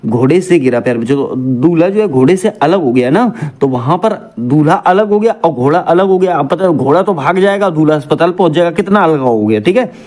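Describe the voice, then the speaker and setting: A man's voice: fairly high pitch, animated, fairly quick, hardly any pauses, a little mellow. A man teaching an exam-prep lesson, asking his students questions and answering them himself.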